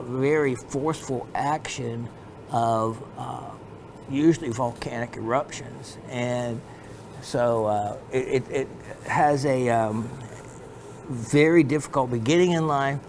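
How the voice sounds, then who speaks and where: A man's voice: mid-range voice, a little hiss or hum. A man hosting a gemstone shopping show, giving a meandering educational sales talk full of fillers and restarts.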